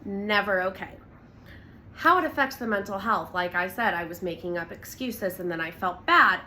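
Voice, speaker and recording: A woman's voice: medium pitch, pushed and bright, a little hiss or hum. A young woman vlogger telling her own story in earnest, blunt, candid talk, with fillers and swearing. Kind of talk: candid direct-to-camera talk.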